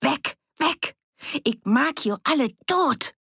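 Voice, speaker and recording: A woman's voice: high voice, animated, takes it slowly, vocal fry, bright, forceful tone, no room sound, studio quality, pitched above the performer's own voice, heavily acted. A woman reader voicing a desperate, frightened farm woman who speaks in broad rural dialect with a trembling voice. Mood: screaming.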